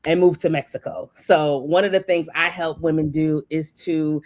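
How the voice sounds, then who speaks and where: A woman's voice: sits low, fairly even intonation, moderate pace, darkish tone, no room sound. A woman in her forties, a guest coach and speaker, talking candidly in a conversational interview over a video call. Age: 40s.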